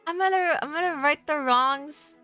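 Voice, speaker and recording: A woman streaming a game with a high voice. Her commentary is casual, playful and teasing, with faint music behind it. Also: normal speed, pushed and bright. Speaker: livestreamer.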